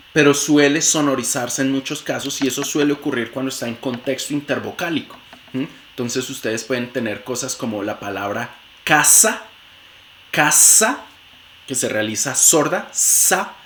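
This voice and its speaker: A man's voice: medium pitch, fairly bright tone. Man teaching phonetics in an echoey room. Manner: explanatory, repeats example words, self-correcting. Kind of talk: lecture. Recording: echoey room with faint ambient noise.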